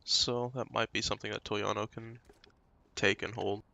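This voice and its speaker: A man casting a live esports match in a relaxed, chatty way. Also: lowish voice, normal speed, creaky, no echo. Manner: relaxed, chatty, talks through a meal. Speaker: esports caster.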